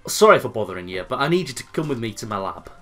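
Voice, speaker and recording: A man's voice: medium pitch, very animated, fast, a bit bright, faint music behind. A man voicing a friendly, polite male professor with a Northern English accent. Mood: earnest. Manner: reads game text aloud in a put-on voice.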